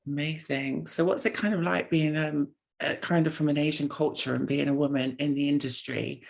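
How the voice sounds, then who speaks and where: A woman's voice: low voice, steady tone, moderate pace, creaky. A woman hosting an interview podcast, asking questions and giving upbeat, encouraging prompts. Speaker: podcast host.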